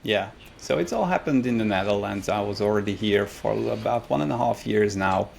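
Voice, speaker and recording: This guest is a career mentor from Hungary, a man in his thirties, speaking accented English in an interview. He talks fairly quickly in a fairly low, creaky voice, and his thoughtful answers are dotted with hesitations and fillers. A little hiss or hum sits under the recording.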